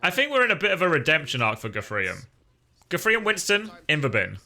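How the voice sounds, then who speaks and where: A male streamer with a very bright, sharp voice and a lively, swooping delivery. He chats casually with viewers and reacts to the match with wry, sweary excitement. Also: on the high side, brisk. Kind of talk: casual live reaction commentary, chatting with viewers.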